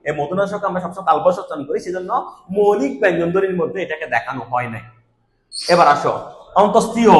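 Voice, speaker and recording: Male teacher, brisk lesson delivery, quizzes then answers himself, roomy sound. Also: high-pitched, fairly bright tone. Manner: explains step by step, asks and answers his own questions. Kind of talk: grammar lesson.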